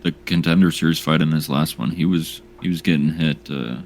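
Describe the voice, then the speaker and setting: A man with an extremely deep voice co-hosting a casual fight-picks show. He talks haltingly and often repeats a word before going on. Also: steady tone, darkish tone, slight background noise. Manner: halting, repeats words as he thinks. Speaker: podcast co-host making fight picks. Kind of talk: casual chat.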